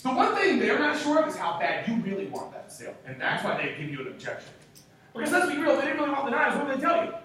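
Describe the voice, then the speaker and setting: A man's voice: extremely high pitch, wildly swooping pitch, quick pace, fairly bright tone. Punchy young male sales trainer, echoey. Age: 20s. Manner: emphatic and punchy, rhetorical questions, casual swearing. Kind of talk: motivational sales training talk. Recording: very echoey room, distant mic, faint hiss.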